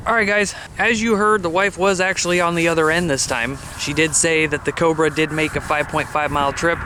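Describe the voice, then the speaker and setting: Higher-voiced man reviewing gear, noisy audio. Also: fairly even intonation, a little fast. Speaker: radio reviewer. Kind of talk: casual product review vlog.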